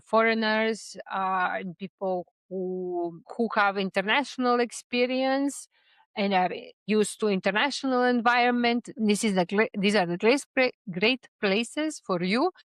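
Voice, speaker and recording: Young woman from Serbia, vlog host, unhurried and chatty, mid-pitched voice, close and dry. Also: no room sound. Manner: unhurried, with frequent fillers and restarts. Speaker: expat life vlogger. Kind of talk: casual explainer talk to camera.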